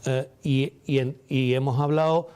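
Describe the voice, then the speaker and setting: A man giving measured, didactic interview answers, repeating key phrases for emphasis. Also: mid-range voice, steady tone, darkish tone, clear, resonant tone. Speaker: doctor and medical representative being interviewed.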